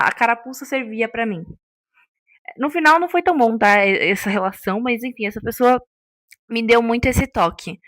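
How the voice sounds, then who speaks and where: Chatty woman, rather high voice. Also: fairly bright tone, dry recording. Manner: chatty, checks in with listeners often. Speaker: vlogger. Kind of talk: unscripted casual vlog talk.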